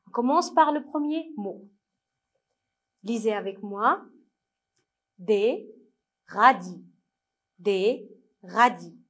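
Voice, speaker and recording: A woman teacher with a Moroccan accent, slowly sounding out words and syllables for young children to repeat. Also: fairly high pitch, animated, a bit bright. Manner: slow, clearly syllabled, repeating words for children to read along. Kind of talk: French lesson for young children.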